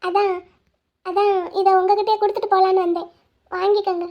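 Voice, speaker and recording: A woman's voice: very high voice, level tone, a little fast. A woman voicing a poor, proud young woman in a cartoon drama, sad and resolute. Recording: dull lo-fi audio.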